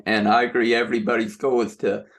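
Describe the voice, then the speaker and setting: Male interviewer, medium pitch, casual sports interview style. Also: level tone, quick pace.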